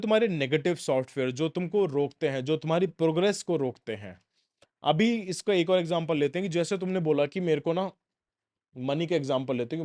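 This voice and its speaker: A young man teaching a self-help course delivers a motivational lecture straight to the listener, repeating points for emphasis. His voice is on the high side, captured in a dry, studio-quality recording.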